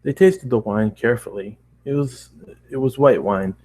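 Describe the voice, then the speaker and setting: This time the man's voice sits at medium pitch, mellow and slightly rough, moving at a moderate pace. He's an amateur fan-fiction reader narrating a story, tired and running out of steam, often fumbling words and rereading them.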